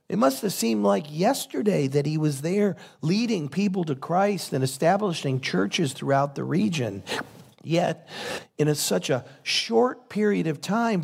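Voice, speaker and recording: A man's voice: fairly high pitch, creaky, breathy edge. A man preaching a sermon as a pastor, in a conversational, earnest way.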